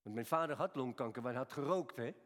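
A man in his seventies preaching a sermon, telling personal stories and moving between quiet, slow passages and raised, emphatic appeals. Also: medium pitch, animated. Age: 70s. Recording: long hall reverb.

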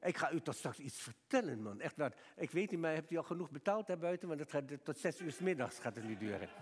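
An older man preaching a sermon, telling a lively personal story and acting out both sides of his talk with a doctor. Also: on the high side, quick pace, long reverb tail.

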